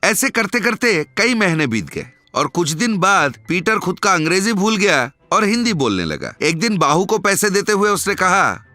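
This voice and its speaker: A man narrating a cartoon story in a lively storytelling manner, ending with a moral. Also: sits high, normal speed, few pauses, no room sound, soft background music.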